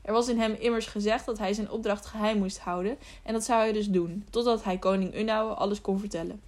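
A woman narrating a children's novel audiobook with a steady storytelling read. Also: mid-range voice, a little fast.

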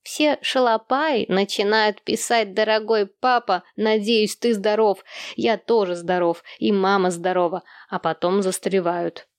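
A woman's voice: mid-range voice, steady tone, measured pace, clean tone, dry recording, clean studio sound, lightly acted. Woman doing earnest schoolboy Ernie. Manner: earnest, defiant.

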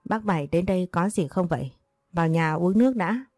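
A woman's voice: lowish voice, expressive, fairly quick, darkish tone, no room sound, studio quality. A woman voicing a poor, distraught middle-aged village wife who laments and pleads.

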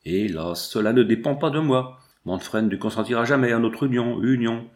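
A man reading as a gentle dying young princess. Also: medium pitch, moderate pace, close to an everyday voice. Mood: pleading. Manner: pleading, tender.

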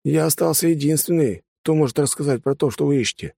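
A man's voice: on the high side, fast talker, vocal fry, mellow, no room sound, studio quality, voice pushed up. A man reading an audiobook, voicing a tired, pragmatic mercenary bandit who grumbles as he gives in. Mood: pleading.

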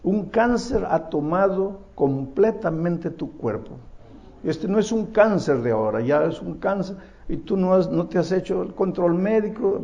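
A man voicing a solemn doctor who breaks hard news in a measured way. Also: sits high, expressive, vocal fry, mellow, lo-fi sound, voice pushed up, heavily acted. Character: grave doctor giving bad news to a man.

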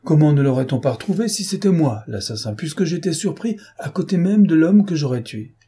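Arsène Lupin, a man reading a mocking gentleman thief. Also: fairly high pitch, animated, brisk, slightly rough, pitched above the performer's own voice. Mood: arguing. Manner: ironic, teasing and composed. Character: mocking gentleman thief, adult man, ironic and self-assured. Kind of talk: audiobook character reading.

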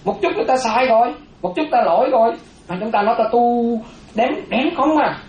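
A Buddhist monastic woman, giving a lively dharma talk and often asking the audience questions. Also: fairly high pitch, brisk. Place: hall with a seated audience. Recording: roomy, dull sound with faint audience.

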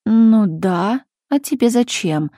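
A woman's voice: mid-range voice, animated, takes it slowly, dark tone, dry recording, clean studio sound. A woman voicing a cold, defensive older mother who answers in raised, indignant exclamations, in a storybook reading.

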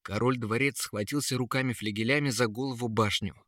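A man narrating a fairy tale in a measured, expressive way. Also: medium pitch, no room sound, studio quality.

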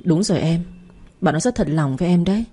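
A woman's voice: fairly low pitch, expressive, fast, dark tone, breathy edge. A woman voicing an earnest sister-in-law in a spoken story who urges and persuades. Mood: urging.

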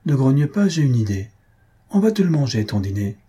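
A man voicing a breezy young husband who talks briskly and teasingly, always in a hurry. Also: mid-range voice, lively intonation, dark tone, breathy edge.

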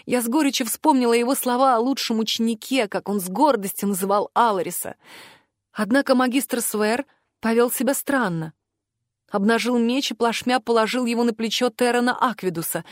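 A woman reading a first-person novel aloud in expressive narration. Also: fairly high pitch, no room sound, studio quality. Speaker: audiobook narrator. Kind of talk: scripted narration.

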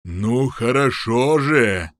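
A man reading an audiobook, voicing a huge, bullying male giant who gloats and threatens in a slow, loud, drawling voice. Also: medium pitch, animated, dry recording, studio quality. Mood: gloating. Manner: slow, drawling and loud, with a strained, altered timbre. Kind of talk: audiobook character voice.

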